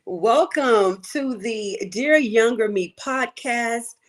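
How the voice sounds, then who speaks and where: A woman's voice: on the high side, takes it slowly. A middle-aged woman hosting a live podcast as a life coach, upbeat and playful with slang.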